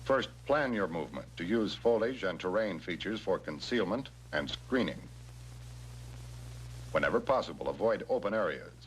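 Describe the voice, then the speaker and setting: In the scripted manner of a 1960s military training film, an American man narrates instructions in a measured way, stressing key words. His voice is low and animated, and the soundtrack is noisy and humming like an old 1960s film.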